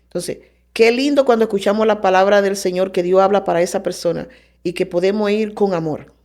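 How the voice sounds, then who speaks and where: A woman's voice: medium pitch, fairly quick. Fervent woman sharing a faith testimony. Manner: animated storytelling, acting out quoted voices; preacherly and fervent. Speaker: guest.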